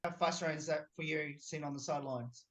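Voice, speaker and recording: A man's voice: fairly high pitch, steady tone, quick pace, fairly bright tone. A young man asking casual questions as a sports interviewer over a video call. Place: indoor room at home, video call.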